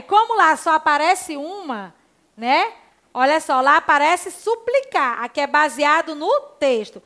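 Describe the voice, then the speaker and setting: A woman's voice: very high-pitched, fairly bright tone. A Brazilian woman teaching young children in a recorded lesson, spelling words out and asking short checking questions with patience. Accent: Brazilian Portuguese. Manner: slow, spelling words out letter by letter. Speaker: primary school teacher.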